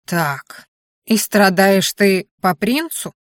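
A woman reading an audiobook, voicing a gruff, blunt elderly grandmother who grumbles and scolds in earthy terms. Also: medium pitch, expressive, slow pace, no room sound, studio quality. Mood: probing. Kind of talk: audiobook character voice.

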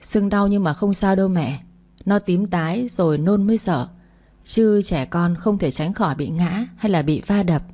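A woman's voice: lowish voice, normal speed, dark tone, close to an everyday voice. A woman voicing a young husband who reassures his mother in an easygoing way, in a storybook reading. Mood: reassuring.

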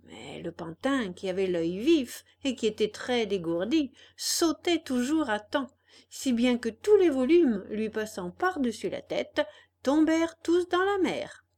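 A woman narrating a children's story aloud, expressive and gentle, turning to the listeners now and then. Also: on the high side, unhurried. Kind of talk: storybook audiobook reading.

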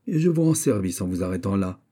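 A man voicing a calm, commanding older musketeer with a mocking, emphatic manner, in a storybook reading. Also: sits low, fast. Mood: firm.

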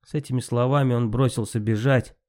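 A man narrating an audiobook of myths in an even storytelling manner. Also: medium pitch, fairly quick.

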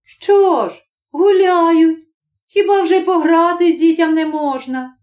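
A woman voicing a brisk housewife who scolds her husband with mocking disbelief, in an audiobook story. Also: very high-pitched, a little mellow, voice pushed up. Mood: scolding. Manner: scolding, incredulous.

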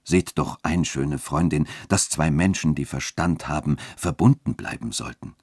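A man reading a story aloud and voicing a scheming, smooth-talking church dean who shifts between insistence and soft coaxing. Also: very deep voice, normal speed, no room sound, studio quality, full character voice. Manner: insistent, then softly coaxing. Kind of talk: literary reading.

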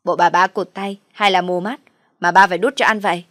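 A woman's voice: medium pitch, fairly quick, a bit bright, dry recording, studio quality, natural voice. Woman voicing a scornful spoiled young wife. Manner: scornful, snappy retorts. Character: sharp-tongued spoiled pregnant young wife.

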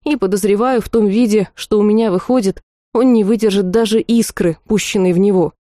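A woman's voice: medium pitch, fairly quick, mellow, dry recording, clean studio sound, lightly acted. A woman voicing a feisty young female student mage in a storybook reading, cheeky and pleading.

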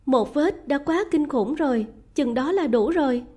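A tender young noblewoman speaks through tears, as a woman puts her on, her voice choked and trembling. The voice sits a little higher than the narration, with a mellow, soft tone. She pleads gently and falters, close to sobbing. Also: expressive, normal speed. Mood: tearful.

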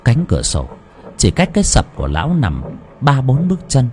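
A man narrating a ghost story in an expressive, dramatic way. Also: moderate pace. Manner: expressive, swooping between high and low.

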